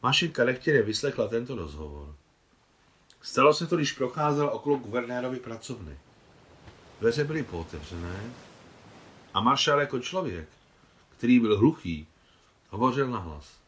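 A man reading his translation of a novel aloud, in a measured, expressive way. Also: medium pitch. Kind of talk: audiobook reading.

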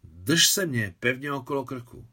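A man voicing a brisk, bossy young woman who chatters and gives orders to a friend. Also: mid-range voice, animated, pushed and bright, breathy edge. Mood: encouraging. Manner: chattering, commanding.

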